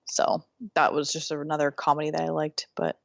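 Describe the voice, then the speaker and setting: A woman's voice: sits low, level tone, a little fast, gravelly, dry recording, muffled recording. A woman co-hosting a podcast in casual chat, talkative and laughing often, trailing off mid-sentence. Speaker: podcast co-host.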